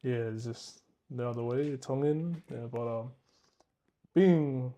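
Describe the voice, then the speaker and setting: A young man hosts a casual podcast chat. His voice sits at a middle pitch. He rambles through his questions, padding them with ums, likes and yeahs. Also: slow, mellow. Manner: rambling, filler-heavy questions. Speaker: host.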